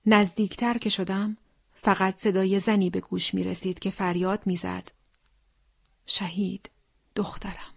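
A woman narrates a grim wartime account in a solemn, measured read. Her voice sits at an ordinary middle pitch and keeps dropping into hushed, breathy whispers. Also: level tone, no room sound, studio quality. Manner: solemn, slow, often sinks to a hushed whisper. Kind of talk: scripted narration of a wartime testimony.

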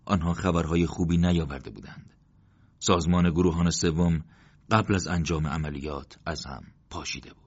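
A man narrating an audiobook in a steady, solemn reading. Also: deep voice, lo-fi sound.

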